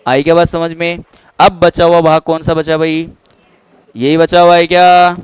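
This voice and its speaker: A man's voice: a little high, flat delivery, moderate pace, clean tone, no room sound, low-quality recording. A man teaching a chemistry class, who keeps checking whether students have understood. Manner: keeps quizzing students with "clear?". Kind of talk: classroom lecture.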